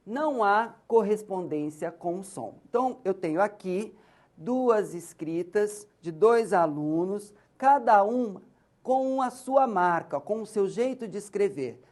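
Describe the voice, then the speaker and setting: Slow, patient woman lecturer with a Brazilian accent. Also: mid-range voice, darkish tone. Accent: Brazilian Portuguese. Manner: patient and explanatory, often pointing to examples and checking in with listeners. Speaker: university lecturer. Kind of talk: recorded lecture on literacy.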